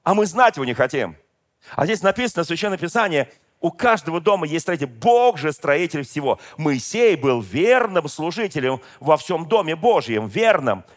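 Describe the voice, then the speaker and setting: Casting: middle-aged male pastor, higher-pitched voice, very lively emphatic preaching with quiet asides. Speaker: pastor and bishop. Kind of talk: Pentecostal sermon.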